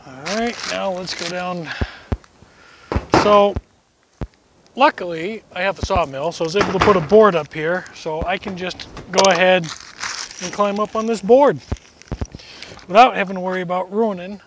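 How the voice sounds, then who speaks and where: A middle-aged man with a fairly high voice talks through a building job outside, step by step and in a chatty way. The camera mic sits a little off from him, with faint outdoor noise behind. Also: moderate pace, pauses often. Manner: chatty, explains each step while working, self-deprecating jokes. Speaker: homesteading vlogger. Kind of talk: casual how-to narration. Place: outdoors at a wooded barn. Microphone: camera mic from a distance.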